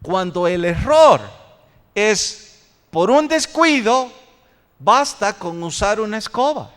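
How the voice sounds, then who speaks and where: A man's voice: high-pitched, animated, takes it slowly, fairly bright tone. A man preaching a sermon as pastor, posing rhetorical questions to his congregation. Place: church sanctuary. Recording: long church reverb.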